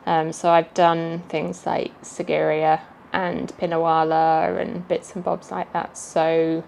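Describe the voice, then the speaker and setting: A woman's voice: low voice, flat delivery, slow, vocal fry, a little mellow, slight background noise, low-quality recording. A woman travel vlogger chatting casually to camera in a jokey, self-deprecating way.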